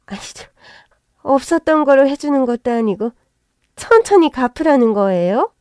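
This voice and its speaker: A woman's voice: big pitch swings, a little slow, a little mellow, dry recording, clean studio sound. A woman voicing a brash, scheming middle-aged mother-in-law who turns from indignant to fawning. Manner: shrill and indignant, then fawning.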